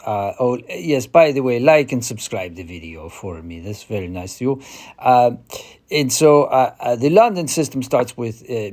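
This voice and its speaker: A man playing a confident chess player with an Eastern European accent, explaining a game in a deliberate, hesitant way. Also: medium pitch, darkish tone, close to an everyday voice. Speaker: chess player giving a tutorial.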